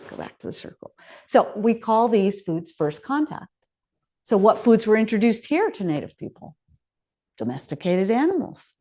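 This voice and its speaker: Her voice is mellow and medium-pitched as this chef gives a public talk in a residential contemplative community's hall. She narrates like a storyteller and asks the audience rhetorical questions.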